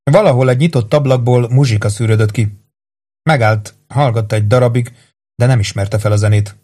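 A man's voice: fairly low pitch, a little mellow. Man narrating a crime thriller audiobook. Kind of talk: scripted narration.

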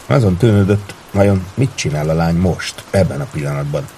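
A man reading a novel aloud as an audiobook narrator, in a steady, even way. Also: sits low, slight background noise. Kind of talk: scripted narration.

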